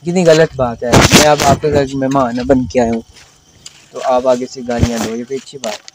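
A man's voice: mid-range voice, moderate pace, very noisy. A young man from Pakistan chatting casually in a village vlog, then signing off to viewers. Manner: excited, laughing, talks over friend. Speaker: vlogger.

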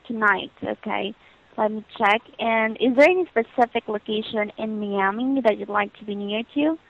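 This dry recording captures a woman's mid-range voice at a normal speed. Working as a hotel booking agent, she speaks politely and patiently in set customer-service phrases, transmitted over a telephone line as a muffled lo-fi call.

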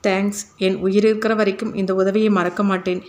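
A woman's voice: medium pitch, flat delivery, fairly quick, darkish tone, close to an everyday voice. A woman narrator reading the lines of a troubled father who speaks earnestly and pleadingly.

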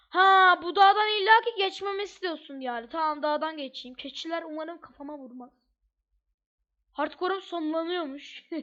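A woman's voice: extremely high pitch, a bit bright. A woman giving casual, chatty gameplay commentary as she plays, thinking aloud with slangy asides. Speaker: gamer. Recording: dull lo-fi mic.

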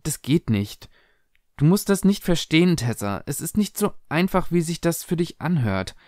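A man's voice: on the high side, sing-song, moderate pace, darkish tone, no room sound, clean studio sound, pitched above the performer's own voice. Man voicing a guarded, soothing mother. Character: defensive middle-aged mother, calm but guarded.

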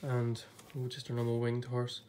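A monotone, darkish mid-range voice at a moderate pace belongs to a man whose voice is slightly off as he gets over an illness. He reviews an illustrated book for a casual vlog, flipping pages, chatting and thinking aloud at a table indoors before a blue backdrop, with slight background noise audible.

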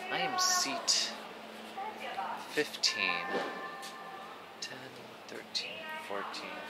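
Low-voiced guy filming on a train, chatting to himself, loud rumble behind, swings up and down a lot. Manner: muttering to himself, wry asides. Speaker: travel vlogger. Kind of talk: casual first-person travel commentary. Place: aboard an old moving train. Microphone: handheld action camera.

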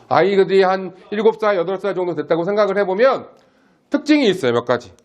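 High-voiced man preaching simply. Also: highs cut off. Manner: simple, slow-paced teaching with questions to the congregation. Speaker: pastor.

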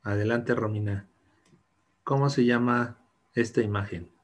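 A man's voice: lowish voice, unhurried. A man teaching English to children in an online class, patient and encouraging, mixing English and Spanish. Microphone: video call.

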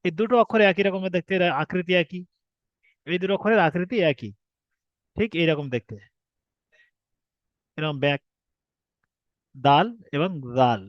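A man's voice: sits high, moderate pace, pauses often, no room sound, lo-fi sound. A man teaching an online class on the shapes and pronunciation of the alphabet, explaining patiently and repeating himself with rhetorical questions. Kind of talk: online recorded class lesson.

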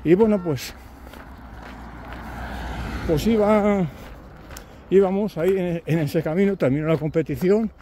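A man's voice: high voice, unhurried, pauses often, mellow, slight background noise. A man, telling chatty anecdotes on camera while walking a rural trail, chuckling and acting out his companions' lines. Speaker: pilgrim vlogger.

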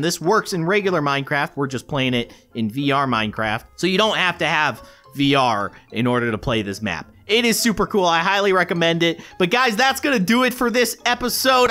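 A young man giving casual, excitable commentary while playing a video game. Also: a little high. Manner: excitable, chatty, quick reactions. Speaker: gaming YouTuber. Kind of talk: casual let's-play commentary.

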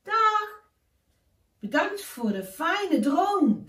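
A woman's voice: very high voice, sing-song, very slow, a bit bright, pitched above the performer's own voice, heavily acted. A woman voicing a sweet, hopeful little snowman boy in a storybook tale, in an eager, childlike way. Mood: cheerful. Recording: roomy, distant from the mic.

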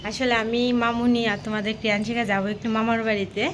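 Young woman, casual home vlog voice-over, a bit high-pitched, faint background noise. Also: little pitch movement, quick pace. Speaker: vlogger, mother.

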